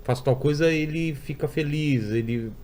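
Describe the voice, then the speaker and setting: A woman's voice: low-pitched, normal speed, dark tone, a little hiss or hum. A woman hosting a podcast, asking short questions and joking playfully. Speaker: podcast host. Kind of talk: casual interview chat.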